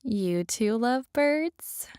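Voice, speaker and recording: A woman's voice: on the high side, animated, extremely slow, darkish tone, clear, resonant tone, no room sound, clean studio sound. A woman voicing a playful, tipsy female friend who teases and mock-scolds in a narrated story. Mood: teasing.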